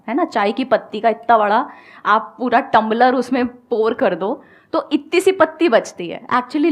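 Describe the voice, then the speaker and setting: A woman coach speaks from a stage to an audience. Her voice sits a little high, and she sounds calm and reassuring. She moves easily between Hindi and English. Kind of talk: motivational stage talk with audience questions.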